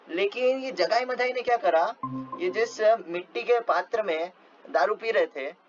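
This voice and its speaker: A man giving a casual devotional talk, telling stories with many fillers and small laughs. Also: sits high. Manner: storytelling with frequent fillers and laughs. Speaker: devotional speaker. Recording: dull lo-fi with faint noise.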